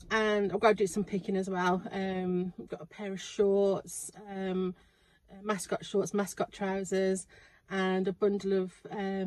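Inside a storage unit, a middle-aged woman who resells online chats casually and quietly to the camera. Her medium-pitched voice rambles with many fillers, and the recording is low quality.

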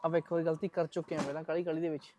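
A man's voice: a little high, flat delivery, racing, mellow, highs cut off, a little hiss or hum. A man with a Punjabi accent, chatting casually to his viewers as a vlogger. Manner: chatty, addresses viewers as friends. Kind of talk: casual vlog narration to viewers.

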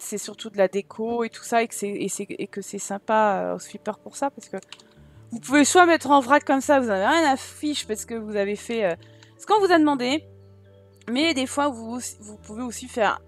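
A woman's voice: on the high side, moderate pace, soft background music. Chatty southern French woman gamer. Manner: chatty, addresses viewers directly, thinks aloud. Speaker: gaming YouTuber. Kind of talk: casual let's-play commentary.

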